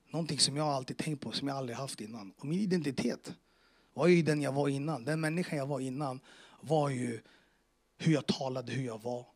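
Before a church audience, a man with a husky, medium-pitched voice recounts his faith testimony. It's casual and earnest with plenty of emotion, street slang and acted-out exchanges.

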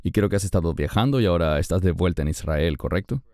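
A man hosting a Bible discussion, speaking in an earnest, measured way. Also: deep voice, expressive, warm tone, no room sound, studio quality. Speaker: host.

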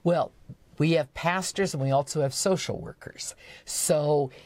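A woman speaking as a charity leader in a studio interview, earnest and measured. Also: low voice, darkish tone, no echo. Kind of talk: conversational interview about mission work.

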